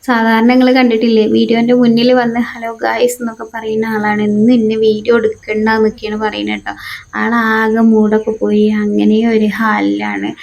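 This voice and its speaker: A woman, talking through a family vlog in a soft, homely way and holding back tears. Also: on the high side, monotone, brisk. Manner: soft, homely, ends phrases with a gentle tag. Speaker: family vlogger. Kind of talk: casual voice-over narration.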